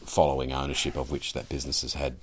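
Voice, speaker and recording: A man's voice: very deep voice, little pitch movement, fast talker, breathy edge. A man co-hosting a podcast, chatting casually and rambling along with many restarts. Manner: rambling, full of restarts and fillers. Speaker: podcast co-host. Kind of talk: casual chat.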